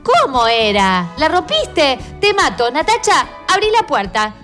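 A woman's voice: sits high, wildly swooping pitch, unhurried, fairly bright tone, soft background music, exaggerated voice. A woman voicing an exasperated, scolding mother, in a storybook reading. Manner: scolding, impatient.

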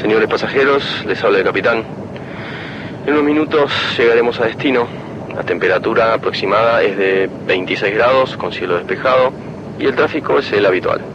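An actor playing a calm airline captain, making a formal, measured announcement over the cabin PA from his cockpit headset. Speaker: airline captain in a road-safety ad. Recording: muffled cabin intercom with engine rumble.

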